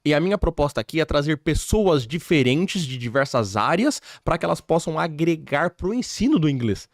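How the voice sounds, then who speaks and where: A Brazilian podcast host and English teacher chats in a casual interview, his voice a little high and his pace moderate. Animated and emphatic, he speaks straight to viewers. The podcast studio sound is close and dry, with no echo.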